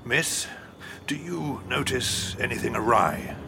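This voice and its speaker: An actor playing a courteous, commanding police officer, calm and authoritative, in an audio drama. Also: male voice, mid-range voice, slow pace, creaky, background noise, exaggerated voice. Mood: calm, resolute.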